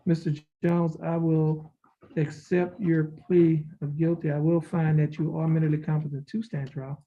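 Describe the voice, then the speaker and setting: A male judge conducting a formal plea hearing in a courtroom recording, reading documents aloud in a measured, formal way. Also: a little high, flat delivery. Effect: courtroom recording heard over a video call. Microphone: video call. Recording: dull lo-fi courtroom audio with faint hiss.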